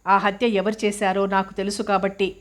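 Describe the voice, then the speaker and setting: A woman reading the part of a resolute older female cook who speaks in a steady, firm, solemn way. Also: medium pitch, moderate pace, natural voice.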